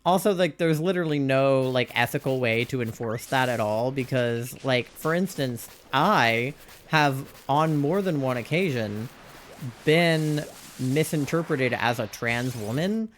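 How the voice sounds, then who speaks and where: A young adult man talks candidly while live-streaming a game, his medium-pitched voice a little slow over slight background noise. He rambles, leaning on "like" fillers and exasperated rhetorical questions.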